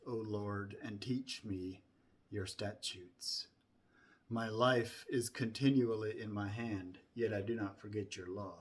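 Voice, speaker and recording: A man with a fairly low voice recites scripture very slowly and solemnly. Each phrase is deliberately set out, opening with emphasis and easing off softly as it closes. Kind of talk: solemn Bible recitation from memory.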